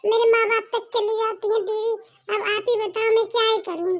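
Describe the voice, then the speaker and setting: A woman's voice: very high voice, steady tone, a little fast. A woman as a meek, put-upon young daughter-in-law. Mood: complaining. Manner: pleading, complaining softly. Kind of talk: home-made family drama.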